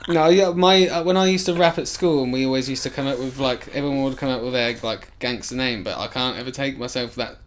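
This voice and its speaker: A man's voice: mid-range voice, quick pace, few pauses, slight background noise. Jokey, pun-loving man. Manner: jokey, self-deprecating, fond of puns. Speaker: podcast co-host. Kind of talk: casual chat.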